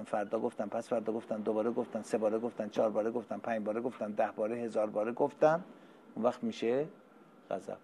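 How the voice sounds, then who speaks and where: A man preaching a religious sermon, moving from soft, low explanation to loud, emphatic recitation, building repeated lists of phrases and explaining terms word by word. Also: vocal fry, slight background noise.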